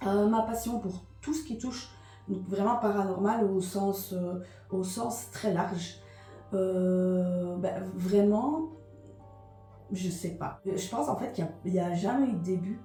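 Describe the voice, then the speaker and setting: A vlogger from Liège chats hesitantly in a casual, confessional way, with a Belgian French accent and lots of fillers and repetitions. Her mid-range voice is mellow and slow. The sound is roomy, with faint music in the background.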